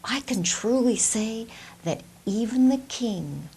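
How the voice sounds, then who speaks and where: A woman voicing a crafty immigrant trickster in a folk tale, coaxing and teasing in a drawn-out, theatrical way. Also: a little high, expressive, mellow, full character voice. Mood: coaxing, delighted. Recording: clear background hiss.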